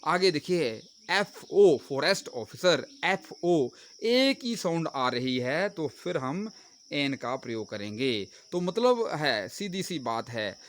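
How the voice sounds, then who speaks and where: Lively man teaching grammar. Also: on the high side, slow pace, a little hiss or hum. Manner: explains step by step, asking and answering his own questions. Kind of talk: grammar lesson.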